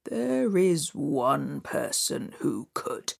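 Woman doing a low, whispery cloaked stranger. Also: very animated, vocal fry, full character voice. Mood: sly, low. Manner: low, slow, whispery menace. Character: mysterious cloaked male stranger, a giant builder.

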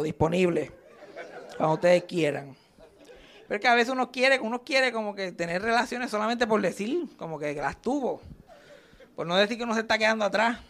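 A young man performing live stand-up comedy, telling crude stories and acting out the lines he quotes. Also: sits high. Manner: crude, animated storytelling with acted-out quotes. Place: comedy stage at a live show.

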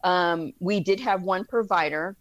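A woman guest in a casual interview, telling lively stories, acting out quotes and laughing often. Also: fairly low pitch, measured pace, dry recording. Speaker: podcast guest.

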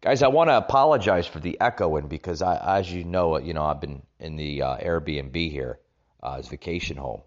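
A man with a deep voice delivers political commentary as a podcast host. He talks in a halting way and repeats phrases to drive points home. The sound is echoey and somewhat dull, like a makeshift setup in a rental room. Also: fairly even intonation. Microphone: makeshift setup without usual equipment.

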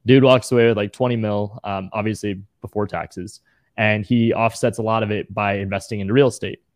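A man in his twenties telling his story as a podcast guest in a relaxed, slangy way. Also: on the low side, brisk, no echo, studio quality. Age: 20s. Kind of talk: casual interview.

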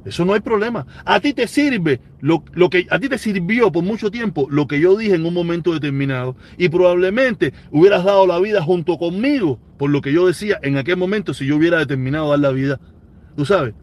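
High-pitched, expressive and brisk, with a darkish tone, the voice belongs to a Cuban man in his forties. He's casually live streaming and answering viewer comments, emphatic throughout and prone to repeating phrases for emphasis.

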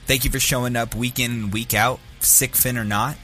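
A man's voice: mid-range voice, steady tone, normal speed, bright, forceful tone, soft background music. A man, the show's intern, reading an earnest, upbeat thank-you message to the hosts. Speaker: podcast intern.

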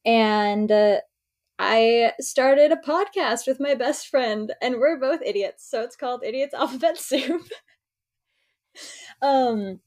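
A woman's voice: a little high, slow pace, darkish tone. A young woman in her twenties co-hosting a podcast, giggly and self-deprecating in casual chat. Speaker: podcast co-host.

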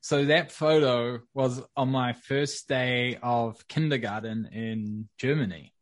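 A young man from New Zealand with a New Zealand accent, chatting casually as a podcast guest in a relaxed, rambling way. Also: medium pitch, slow pace, dry recording. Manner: relaxed, rambling with many fillers. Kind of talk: casual interview.

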